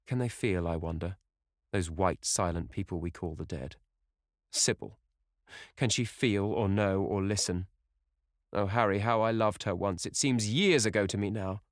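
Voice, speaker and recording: Male reader doing an impulsive young gentleman, earnest, emotional, low-pitched. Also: no echo, studio quality. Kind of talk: audiobook character voicing.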